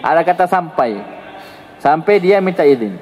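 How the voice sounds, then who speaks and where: A male teacher with an Indonesian accent talks through an Arabic grammar lesson in a fairly high voice. He jokes with the students and moves his pitch up and down to demonstrate intonation. His voice rings with a long reverb, as if he is in a hall. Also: moderate pace, muffled recording. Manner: lively, joking, swings pitch up and down to show intonation. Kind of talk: classroom lesson explaining grammar.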